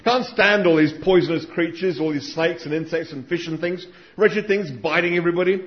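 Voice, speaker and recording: A man doing a fed-up Australian doctor who has had enough of venom, grumbling and rambling in a high, light voice. The recording sounds dull and lo-fi. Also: brisk, reverberant, lightly acted. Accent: Australian (put on).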